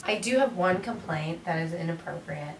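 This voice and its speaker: Young woman co-host, easygoing and wry, slightly low, recorded far off in a reverberant room. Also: normal speed, a little hiss or hum. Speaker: co-host reviewing theater. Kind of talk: casual chat. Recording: roomy room sound from a distant mic.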